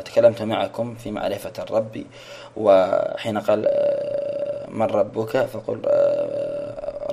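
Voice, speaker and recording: A man's voice: fairly low pitch, warm tone. A man teaching a religious lesson online, asking questions, repeating them and praising his students' answers.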